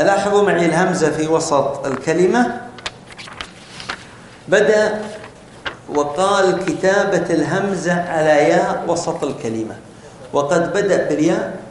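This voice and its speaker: A male teacher explaining spelling rules step by step to a class, often asking them questions. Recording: very echoey room with faint rumble.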